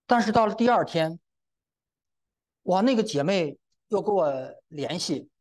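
Man, middle-aged, preacher, sermon, very animated intonation, exclamatory, speaks straight to the congregation. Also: high voice, a little slow. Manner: exclamatory, often breaks in with "wa", addresses the congregation directly. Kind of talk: sermon with personal testimony.

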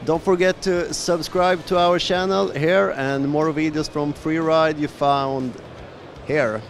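A man's voice: fairly high pitch, fairly even intonation, takes it slowly, a little hiss or hum. A man in his thirties asking casual, brief questions as interviewer at a busy trade fair hall, holding a handheld mic. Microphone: handheld mic with windscreen.

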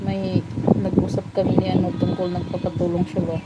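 A woman's voice: on the low side, fairly quick. A woman chatting casually on her livestream and acting out her arguments with a lot of laughter. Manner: animated storytelling, acts out quoted arguments, laughs often. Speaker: vlogger on a livestream. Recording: loud background noise with vehicle sounds.

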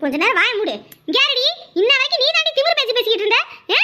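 A woman's voice: very animated, rapid-fire, heavy background noise. A woman voicing a fierce scolding village grandmother. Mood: furious. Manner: scolding, shrill, combative. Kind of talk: cartoon voice acting.

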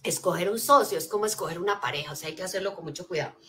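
A woman's voice: lowish voice, rapid-fire. A woman giving a motivational seminar talk, teaching her points like a lesson and checking in with listeners with rhetorical questions. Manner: energetic teacher, frequent rhetorical check-ins; spells out acronyms, asks listeners to take notes. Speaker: motivational speaker.

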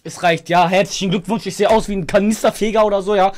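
A young man streaming with a friend, complaining and yelling in excitable casual banter. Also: high voice, quick pace.

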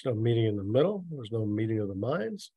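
A man's voice: fairly low pitch, very animated, fast, slightly rough, no room sound, narrow, tinny audio. A man reading a story aloud and mocking it with sarcastic, nitpicking asides. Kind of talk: sarcastic dramatic reading with commentary.

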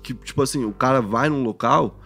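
A man co-hosting a podcast in casual chat, slangy and animated, often acting out other people's voices. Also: mid-range voice, brisk, soft background music. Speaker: podcast co-host.

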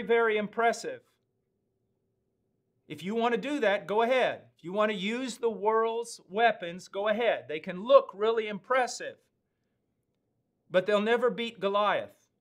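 A man in his fifties with an American accent, preaching a sermon in a slow, earnest, emphatic way with weighty pauses, seated in a studio. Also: high-pitched. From United States. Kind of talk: sermon teaching. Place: studio with dark backdrop, indoors.

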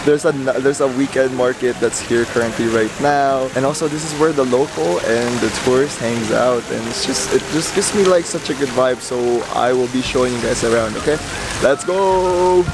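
A young man talking casually and excitedly to a handheld camera at arm's length while walking outdoors through old ruins and a busy plaza, laughing now and then. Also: medium pitch, moderate pace, noisy background. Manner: excitable, chatty, laughs often. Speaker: travel vlogger. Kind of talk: casual travel vlog.

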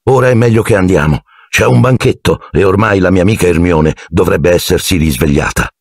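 A man's voice: low voice, fairly quick, no room sound, studio quality. A man voicing an earnest, brave twelve-year-old boy wizard in an audiobook, eager and often breathless. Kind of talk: audiobook character voice.

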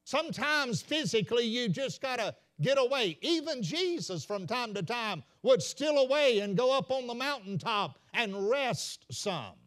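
A man, a senior pastor, preaching a sermon in a folksy storytelling way and calling out to "ladies and gentlemen.". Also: very high-pitched, lively intonation, unhurried, few pauses. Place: church sanctuary.

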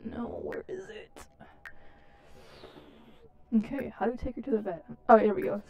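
A woman's voice: mid-range voice, huge pitch swings, normal speed, lo-fi sound. A woman with a lisp chatting nervously and self-consciously as she plays a life-sim game. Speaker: let's play gamer. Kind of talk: casual game commentary.

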